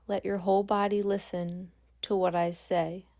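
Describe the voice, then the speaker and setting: A yoga nidra instructor leads a guided meditation in a medium-pitched voice. She speaks calmly and gently, leaving long pauses.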